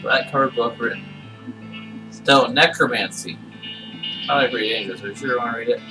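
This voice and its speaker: A man's voice: mid-range voice, normal speed. A man giving casual playthrough commentary, thinking aloud in a playful mutter as he plays. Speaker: gamer playing and narrating a game. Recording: distant mic, game music behind.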